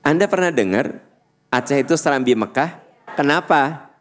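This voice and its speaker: A middle-aged man with a Sundanese accent giving a sermon, humorous, often mimicking shouted voices. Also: expressive, normal speed. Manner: humorous, acts out high-pitched shouting voices. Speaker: preacher.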